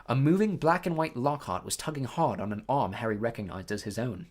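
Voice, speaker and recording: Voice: medium pitch, fairly quick, darkish tone. An audiobook reader narrating a story, with small slips and fillers.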